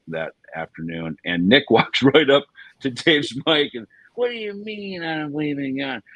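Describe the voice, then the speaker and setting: A man's voice: low-pitched, a bit bright, no echo, poor audio. A man in his fifties co-hosting a livestream, telling loose, rambling stories full of fillers, restarts and chuckles. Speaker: livestream co-host. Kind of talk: casual storytelling reminiscence.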